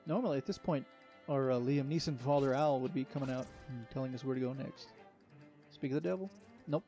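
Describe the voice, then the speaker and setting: A man's voice: medium pitch, a little fast, dark tone, soft background music. A young man giving rambling, easygoing commentary over a solo game playthrough, with lots of fillers and restarts. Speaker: let's play commentator. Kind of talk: casual solo gameplay commentary.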